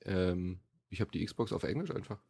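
A man on a gaming podcast, soft-spoken and eager in casual chat. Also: low voice, lively intonation, normal speed, vocal fry, breathy edge, dry recording, clean studio sound.

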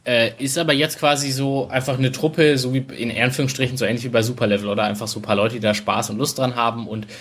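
Husky-voiced man hosting a casual podcast. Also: medium pitch, fairly even intonation, a bit bright. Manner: easygoing, chatty, halting with fillers. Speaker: podcast host.

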